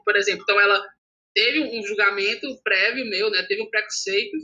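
A man's voice: high voice, fairly quick, dull audio. Talkative man. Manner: animated storyteller, talkative. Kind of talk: casual podcast chat.

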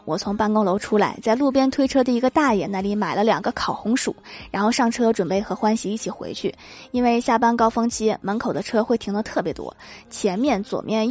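A young woman host reads funny anecdotes as comic narration, telling them in a lively way and acting out the quoted lines. Her voice is a little high, and music plays in the background.

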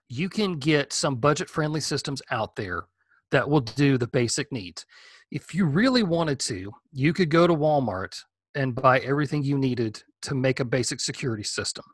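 A man's voice: mid-range voice, animated, moderate pace, husky, no room sound. Man giving practical home security advice. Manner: practical, explanatory, thinking aloud. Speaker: guest, home security expert. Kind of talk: casual advice in an interview.

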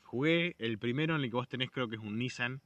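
A man's voice: mid-range voice, fast talker, fairly bright tone, no room sound, highs cut off. A young Argentine man talking in a casual chat, rambling and slangy, swearing freely and restarting his sentences often. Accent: Argentine Spanish.

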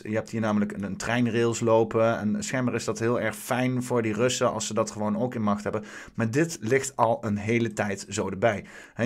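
A man hosting his own stream, giving casual, rambling commentary on the news, full of fillers and restarts. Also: mid-range voice. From Netherlands. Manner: halting, many fillers and restarts.

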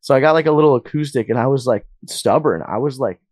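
A man's voice: mid-range voice, fast talker, a little mellow, slightly rough, no echo. A young man from Las Vegas, telling stories as a guest musician in a casual interview, with a rambling, filler-heavy way of talking. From Las Vegas, USA. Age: young adult.

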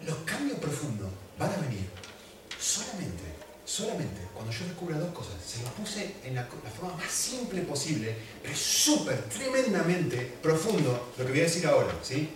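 Male pastor, Rioplatense accent, slightly high voice, animated sermon delivery, distant mic in an echoey church. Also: normal speed. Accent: Rioplatense Spanish. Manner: animated preaching, shifting between loud emphasis and soft asides. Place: church hall. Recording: echoey hall from far off, faint noise.

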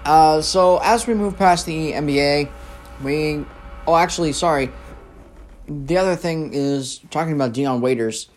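A man's voice: a little high, measured pace, soft background music. A young man casually recapping basketball games as a host, rambling with lots of fillers and self-corrections. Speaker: sports show host.

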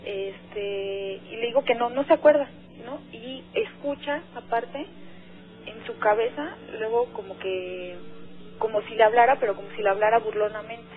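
A woman's voice: fairly high pitch, normal speed. A woman with a Mexican accent, calling in to a radio show and telling her story in an earnest, hesitant way, with many filler words. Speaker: radio caller. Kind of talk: phone-in conversation. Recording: tinny phone line, faint music.

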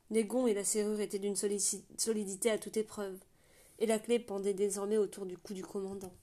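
Woman reading a fantasy novel out loud, steady and measured, mid-pitched voice. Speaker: audiobook narrator. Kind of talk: scripted storybook narration.

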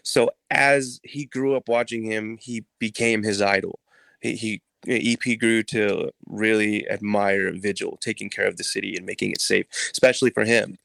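A man's voice: lowish voice, normal speed, gravelly, dry recording. Man telling a story, dry close sound. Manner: animated, laughs often while retelling. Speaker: guest, storyteller. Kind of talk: casual podcast storytelling.

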